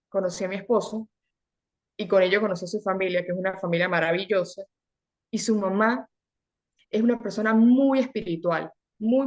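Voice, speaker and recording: A young adult woman from Venezuela, a guest in an interview, telling her story in an earnest, animated way, often repeating words for emphasis. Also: medium pitch. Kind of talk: conversational interview.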